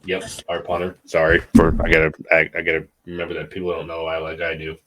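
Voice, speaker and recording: A man with a fairly low voice co-hosts a casual sports podcast. He speaks in hesitant, halting runs, full of "uh" and "um" as he lists names. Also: completely flat delivery, a bit bright, poor audio. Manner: hesitant, filler-heavy listing. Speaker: podcast co-host, team fan.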